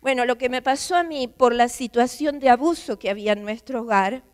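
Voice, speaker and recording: A woman's voice: a little high, fairly quick. A woman, a pastor's wife, giving an emotional, emphatic sermon testimony, quoting voices as she tells her story in a church. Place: church sanctuary. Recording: long church hall reverb.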